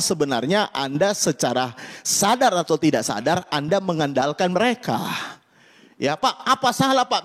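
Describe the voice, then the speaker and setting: A middle-aged male pastor preaching an online church sermon with emphatic, repetitive declarations. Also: on the high side. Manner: emphatic preaching, rising to loud repeated declarations. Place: church service streamed online.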